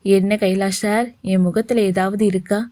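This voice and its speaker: A woman's voice: medium pitch, flat delivery, normal speed, dark tone, dry recording, clean studio sound, natural voice. A woman voicing a bold, breezy young woman who speaks forwardly, read as part of a story. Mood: playful.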